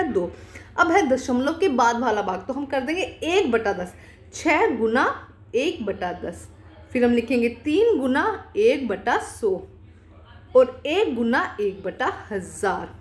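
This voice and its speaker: Teacher, woman from India, high voice, patient, talks pupils through each step. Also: sing-song, a little slow. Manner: patient, asks questions and answers them herself. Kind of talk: explaining a maths worksheet.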